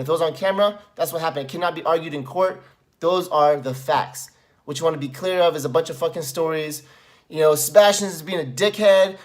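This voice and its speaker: A middle-aged man coaching bluntly and with heavy profanity, breaking into furious rants as an example. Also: on the high side. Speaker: self-help coach. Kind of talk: tutorial with example venting.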